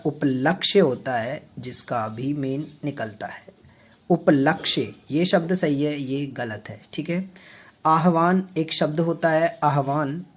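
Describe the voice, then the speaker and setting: A man from Rajasthan teaching a spelling lesson, repeating words slowly and checking with quick questions. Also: fairly high pitch, darkish tone.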